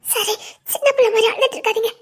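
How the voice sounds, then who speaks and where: A very high, light voice belongs to a gentle young wife in an audio drama, as a woman acts her out. She speaks with a Tirunelveli Tamil accent and soothes and teases softly. Her tone is forgiving and warm-hearted. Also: little pitch movement, fast. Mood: tearful. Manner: soothing, teasing, comforting.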